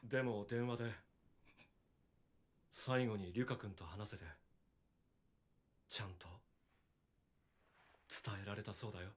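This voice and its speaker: A man playing a gentle, polite bearer of sad news in an anime film, with a husky voice. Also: on the low side, a little fast, long pauses, close to an everyday voice. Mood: somber, gentle. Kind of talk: Japanese anime film acting.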